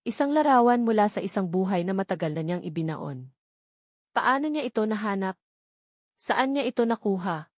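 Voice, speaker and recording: An animated Filipino woman reads scripted prose from a romantic drama in audiobook fashion, at a moderate pace and pausing often. Her pitch is in the middle for a woman. The recording is dry and close, with no room sound.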